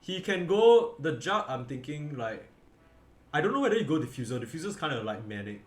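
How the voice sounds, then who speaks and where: A man's voice: fairly high pitch, very animated, a little fast. A tired man casting an esports match, rambling, correcting himself mid-sentence and leaning on fillers. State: tired, yawning. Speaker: esports caster. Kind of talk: casual game commentary. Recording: echoey room with faint background noise.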